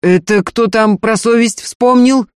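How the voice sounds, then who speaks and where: A woman voicing a gruff, blunt male runaway convict who mocks his opponents. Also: medium pitch, moderate pace, a little mellow, dry recording, studio quality, voice pushed up, lightly acted. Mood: mocking. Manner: mocking, blunt.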